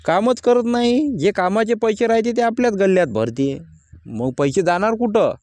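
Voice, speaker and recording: High-voiced farmer talking outdoors. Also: male voice, animated, normal speed, darkish tone, no room sound. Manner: plain-spoken, rising to angry complaint. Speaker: farmer vlogger. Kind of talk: casual vlog talk to camera. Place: outdoors in a farm field.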